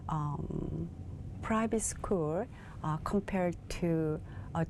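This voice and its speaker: A woman from South Korea, a native Korean speaker with a Korean accent, answers questions as a TV interview guest, speaking in a measured way as she searches for words in English. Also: deep voice, a little mellow, a little hiss or hum. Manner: measured, searching for words in her second language. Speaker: guest, bilingual facilitator.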